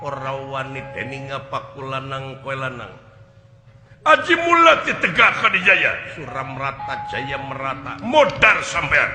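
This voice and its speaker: A man's voice: mid-range voice, lively intonation, measured pace, background noise, natural voice. A man voicing a boastful, menacing ogre in Indonesian puppet theatre, with bombastic, threatening delivery. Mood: boastful challenge. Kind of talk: traditional wayang golek puppet acting. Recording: echoey hall, music behind.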